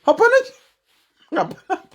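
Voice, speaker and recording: Brisk and animated, a Zimbabwean-accented woman with a low voice hosts an easygoing livestream chat full of stories.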